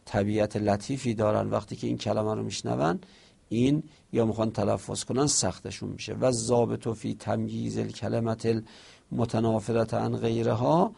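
A man teaching a seminary lesson. He reads Arabic lines slowly from the book and then explains them in casual speech. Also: on the low side, steady tone, creaky, mellow, slightly rough. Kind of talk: classroom lecture reading and explaining an Arabic text.

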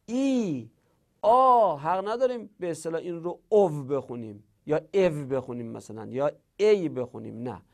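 A middle-aged man teaching a grammar lesson, reciting verb forms in rhythmic lists that swing between loud and soft. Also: on the high side, creaky. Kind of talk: lecture on Arabic grammar.

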